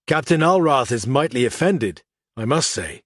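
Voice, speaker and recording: A man's voice: mid-range voice, lively intonation, normal speed, no echo, studio quality, natural voice. A man voicing a mad, twitching one-eyed male assassin with a theatrical, mocking manner, in an audiobook.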